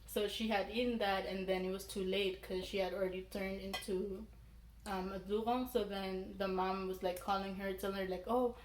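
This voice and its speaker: A young adult woman from Palau telling a story casually, in a halting, rambling way with frequent self-corrections. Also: mid-range voice, flat delivery. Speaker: mukbang vlogger telling a folk legend. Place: small room indoors, seated at a table. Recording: roomy echo, background noise.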